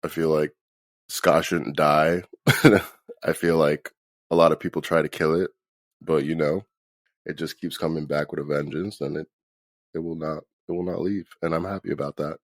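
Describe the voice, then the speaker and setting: A man's voice: extremely low pitch, level tone, normal speed, no echo, studio quality. A hungover man chatting casually as an interview guest, laid-back and slangy, swearing freely. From Philadelphia. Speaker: interview guest, band musician. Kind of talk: casual chat.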